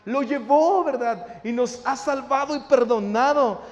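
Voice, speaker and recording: A man's voice: very high voice, unhurried, muffled recording. A male pastor preaching a sermon, building in intensity and often asking his listeners "¿verdad?". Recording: reverberant hall with faint ambience.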